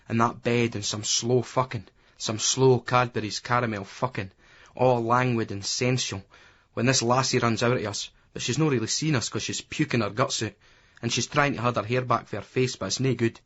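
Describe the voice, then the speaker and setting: A man's voice: medium pitch, steady tone, moderate pace, fairly bright tone. Blunt Scottish man narrating, muffled audio. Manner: blunt, crude, conversational. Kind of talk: first-person novel narration. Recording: dull lo-fi remastered recording.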